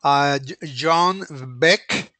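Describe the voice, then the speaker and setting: A man teaching an online lecture as the instructor, speaking hesitantly with many pauses and restarts into a computer microphone. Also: on the high side, pushed and bright, no room sound.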